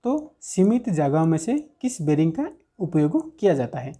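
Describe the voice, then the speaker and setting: A man working through technical exam questions in a screen-recorded lesson, reading each question slowly and then explaining the answer step by step. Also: fairly high pitch, sing-song, dark tone, breathy edge. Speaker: technical teacher. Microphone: screen recording voice-over.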